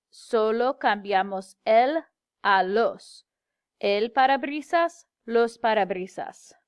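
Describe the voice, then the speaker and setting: Slow, clear-spoken woman teacher. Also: a little high, no echo, studio quality. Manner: slow, careful, clearly enunciated explanation with English glosses. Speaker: Spanish teacher. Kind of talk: slow classroom grammar lecture.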